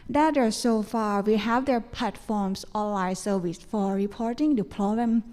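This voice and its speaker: A woman's voice: medium pitch, moderate pace, darkish tone. A woman from Thailand speaks on a symposium panel, using simple and hesitant phrasing. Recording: reverberant hall.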